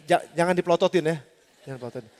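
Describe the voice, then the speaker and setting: A male pastor giving a lively storytelling sermon, addressing the congregation with rhetorical questions in a large church hall. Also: fairly high pitch, racing.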